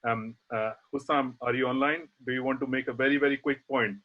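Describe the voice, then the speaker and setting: A man moderating a webinar panel, asking questions in a halting way with many fillers. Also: mid-range voice, fairly even intonation. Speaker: session chair. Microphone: video call. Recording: muffled video call audio.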